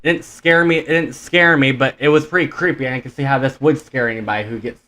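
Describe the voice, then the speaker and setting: A man's voice: mid-range voice, fast, bright, forceful tone. A man in his twenties hosting a reaction video, chatting casually and rambling with many fillers. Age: 20s. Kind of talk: casual chat.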